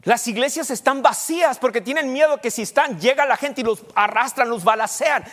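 A man preaching a sermon as pastor, quizzing the congregation and rushing through bursts of speech. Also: very high voice, fairly bright tone, big-room sound. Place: church sanctuary.

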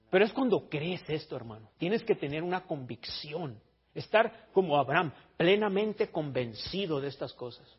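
Blunt high-voiced pastor preaching. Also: male voice, breathy edge, muffled recording. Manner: blunt, teasing, calls out the congregation. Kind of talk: sermon. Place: church.

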